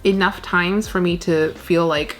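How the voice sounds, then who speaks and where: A woman's voice: fairly low pitch, steady tone, a little slow, fairly bright tone, soft background music. A woman, chatting casually while repotting plants at home, rambling with lots of fillers. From Canada. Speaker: plant vlogger. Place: indoor plant room, shelves of plants. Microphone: camera on desk, medium framing.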